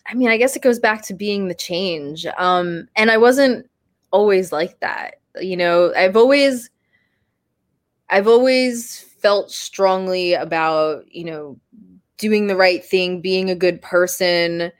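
A woman's voice: on the low side, slow pace, no echo. A woman in her mid-thirties, a guest in an interview, speaking candidly and laughing easily. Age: 30s. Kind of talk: casual interview conversation.

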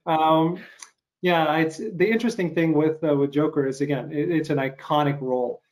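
A man interviewing a guest on a video call, rambling and self-deprecating, with frequent halting restarts. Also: on the high side, steady tone, darkish tone. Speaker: interviewer host. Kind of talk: casual interview chat.

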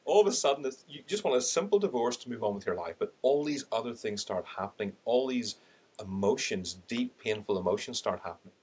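A middle-aged sales and LinkedIn trainer from Ireland, appearing as a podcast guest, speaks fairly quickly in a mid-range, breathy-edged voice. He's animated and candid, dramatizing his past thoughts as quotes and breaking into laughter.

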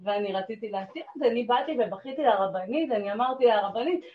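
A woman sharing an emotional personal testimony in a class, dramatic and swinging between hushed and loud. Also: a little high, expressive. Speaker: class participant. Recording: dull, roomy recording.

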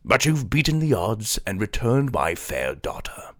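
A man's voice: fairly low pitch, sing-song, unhurried, fairly bright tone, dry recording, studio quality, voice pushed down. A man voicing a stingy, grumpy old king in a children's audio drama, speaking in a pompous, grudging way.

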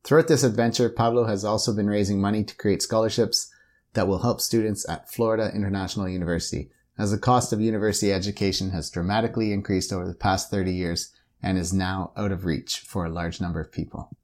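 A man's voice: fairly low pitch, fast talker. Man hosting a cycling interview podcast. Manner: scripted intro then relaxed questions. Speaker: podcast host.

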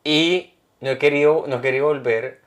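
A man's voice: a little high, normal speed. A man, co-hosting a casual comedy podcast, telling stories animatedly and reading out fan comments. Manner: animated storyteller, mimics others, reads fan comments. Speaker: podcast co-host. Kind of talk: casual comedy chat, storytelling.

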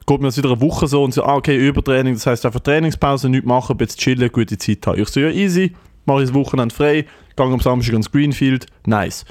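A man's voice: mid-range voice, quick pace, darkish tone. A man with a Swiss German accent, co-hosting a comedy podcast. He rambles through stories, swears a lot and is ill and worn out. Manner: rambling storyteller, swears a lot, keeps saying "Alter". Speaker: podcast co-host. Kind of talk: casual comedic chat.

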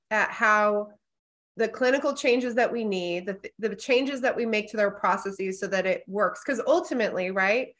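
A woman's voice: mid-range voice, a bit bright. A woman co-hosting a podcast, coaching a guest in a candid, emphatic, conversational way. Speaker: podcast co-host and business coach.

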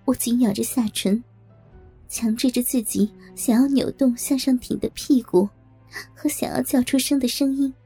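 Breathy, trembling woman narrator. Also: on the high side, normal speed, mellow, faint music behind. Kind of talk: first-person dramatized audio story.

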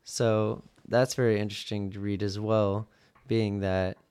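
Smooth, low-voiced man podcasting. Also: flat delivery, measured pace, a little mellow. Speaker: podcast host. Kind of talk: casual sports commentary, solo to camera.

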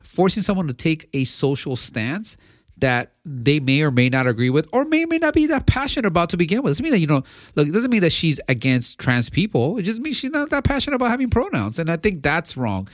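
A man's voice: a little high, very animated, fairly quick, no room sound, clean studio sound. A man co-hosting a podcast, giving his opinion in casual debate, often restarting and repeating words as he thinks aloud. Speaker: podcast co-host.

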